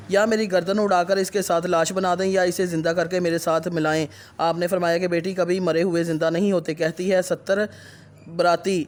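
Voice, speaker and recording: A male preacher telling a miracle tale as a sermon, acting out the dialogue between the people in the story in quick turns. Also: high voice, darkish tone.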